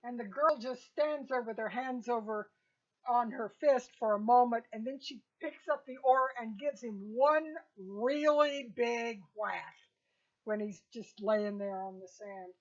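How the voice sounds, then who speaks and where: Lady running a tabletop game, bit high voice, dull lo-fi sound. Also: a little slow. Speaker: game master.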